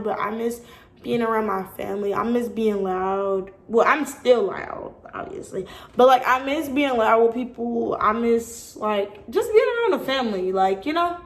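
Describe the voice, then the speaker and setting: A young woman with a slightly high voice chats her way through a casual Q&A vlog. She talks straight to her viewers in a lively, animated way. The room around her is echoey. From California. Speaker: YouTuber.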